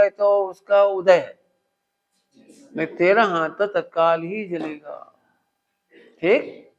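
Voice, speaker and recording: A man with a high voice delivers a spiritual discourse to an audience, animated and full of household examples. He keeps stopping to quiz his listeners and have them repeat the point back. The recording sounds dull and lo-fi. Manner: quizzes listeners with call-and-response questions. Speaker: religious teacher.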